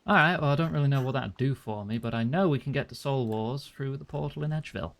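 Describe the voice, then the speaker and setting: A man's voice: mid-range voice, fast talker, creaky. A man doing casual, informal video game commentary, thinking aloud as he plays. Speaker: gamer narrating a playthrough.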